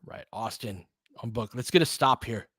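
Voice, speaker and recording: Here a man does live audio play-by-play and loose analysis of a basketball game, unabashedly backing his team in a casual way. His mid-range voice has a fairly bright tone and normal speed. It's a close, dry recording.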